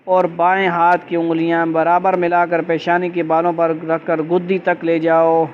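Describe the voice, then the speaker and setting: A man's voice: fairly high pitch, completely flat delivery. A man teaching a religious class step by step, giving firm instructions and often asking the students whether they understood. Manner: keeps checking understanding with quick questions. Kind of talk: classroom lesson explaining ritual steps. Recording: dull lo-fi classroom recording with faint background hum.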